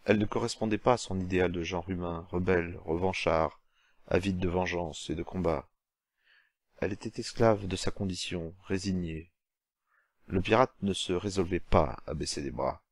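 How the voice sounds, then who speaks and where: A man reading an audiobook in scripted narration, steady and measured. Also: deep voice, no room sound.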